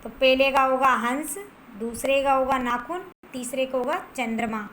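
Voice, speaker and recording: A woman teacher giving a grammar lesson to first graders, repeating each word and answer slowly so they can write it down. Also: high voice, fairly even intonation, a bit bright, slight background noise.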